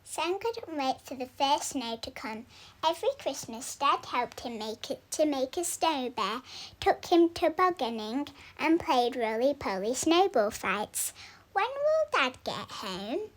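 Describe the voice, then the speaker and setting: A young woman reads a children's story aloud in a voice that sits high, expressive and deliberate, drawing out words for emphasis.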